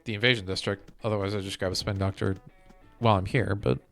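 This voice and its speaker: A casual game streamer talks over music, rambling and thinking aloud to his audience as he plays. The man's voice is lowish and a bit bright, with a level tone and a quick pace.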